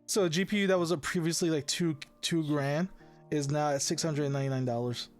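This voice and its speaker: A man's voice: on the high side, fairly even intonation, fairly quick, faint music behind. A young man hosting a casual podcast chat, rambling with lots of restarts, swearing and laughing. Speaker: podcast host.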